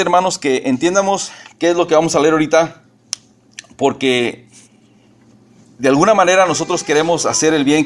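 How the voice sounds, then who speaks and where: A man preaching a sermon as pastor, speaking haltingly with many repeated words and a few English phrases mixed in. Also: a little high.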